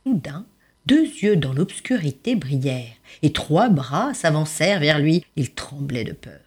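A woman telling a children's story in an expressive, animated way with dramatic pauses. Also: sits low, slightly rough. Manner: animated, dramatic pauses, voices rising and falling.

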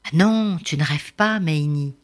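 A woman voicing an old male spirit, the prince's father, slow, solemn and commanding, in a storybook tale. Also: low voice.

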